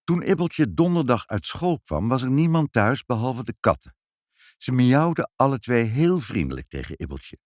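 Male reader, storybook narration, very animated, dry close sound. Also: medium pitch, moderate pace, no room sound. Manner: expressive, playful. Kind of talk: children's story reading.

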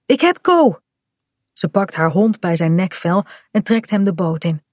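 A woman narrating a children's storybook in a clear, even storytelling manner. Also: lowish voice, normal speed, dry recording, studio quality.

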